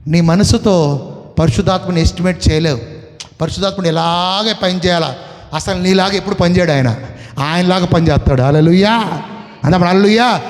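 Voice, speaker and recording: A high-pitched man with a Telugu accent preaches a sermon, calling out questions and urging the congregation to answer back. His voice rings with the long reverb of a church hall. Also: fairly quick. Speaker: pastor.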